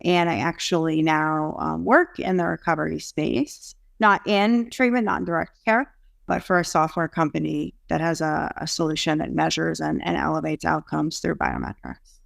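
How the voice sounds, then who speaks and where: A chatty, earnest woman from the Boston area, a podcast guest with a low, gravelly voice. She talks freely with fillers. The sound is dry and close. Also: normal speed, no echo. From Boston area, USA. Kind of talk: casual podcast chat.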